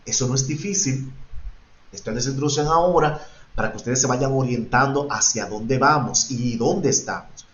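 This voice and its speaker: A man's voice: mid-range voice, normal speed, a bit bright, a little hiss or hum. A male English teacher explaining grammar to his students, switching between Spanish explanations and English examples and repeating points for emphasis. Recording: echoey, dull lo-fi room recording.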